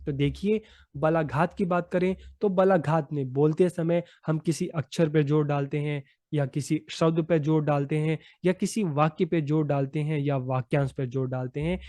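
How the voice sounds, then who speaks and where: A man's voice: a little high, moderate pace, mellow, no room sound. A man teaching a lesson, explaining patiently and repeating his main points.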